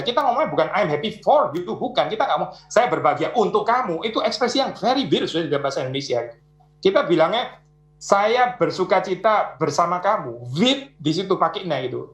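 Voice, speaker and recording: A man, a pastor, answering audience questions in a conversational way, with many small fillers and worked examples. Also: on the high side. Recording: roomy echo.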